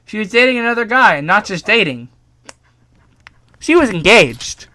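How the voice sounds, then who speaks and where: A young man tells a personal story for a storytime video, casual and partly scripted, adding offhand self-deprecating comments and some profanity. His high-pitched voice is very animated, pushed and bright, at normal speed with no echo.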